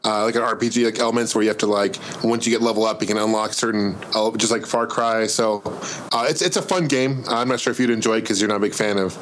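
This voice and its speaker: A man's voice: on the low side, fairly even intonation, fast, a bit bright, a little hiss or hum, rough recording. A man co-hosting a podcast, chatting casually about games in a rambling, hesitant way. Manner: rambling, hesitant, many fillers. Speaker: podcast co-host. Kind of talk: casual gaming chat.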